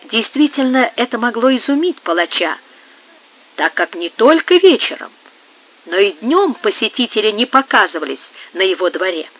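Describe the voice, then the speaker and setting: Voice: mid-range voice, very animated, moderate pace, breathy edge. Audiobook narrator with phone-like sound. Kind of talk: scripted narration.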